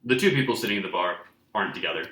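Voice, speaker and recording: Low-voiced man running a tabletop game. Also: expressive, pushed and bright, a little hiss or hum. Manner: easygoing, halting with many fillers. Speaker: game master. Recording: echoey room.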